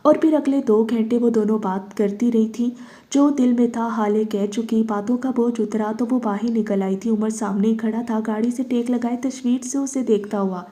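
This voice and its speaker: Woman audiobook narrator, expressive and steady, deep mellow timbre. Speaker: novel narrator.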